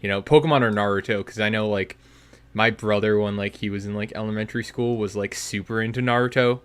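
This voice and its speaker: On a casual podcast chat, a young co-host rambles and jokes, peppering his talk with "like." He speaks fast in a smooth, steady voice on the low side.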